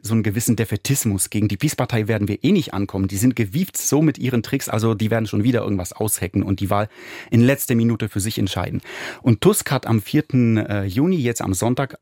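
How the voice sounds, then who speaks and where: A man's voice: fairly low pitch, a little mellow, dry recording, clean studio sound. A man giving conversational, unscripted commentary and analysis as a political commentator.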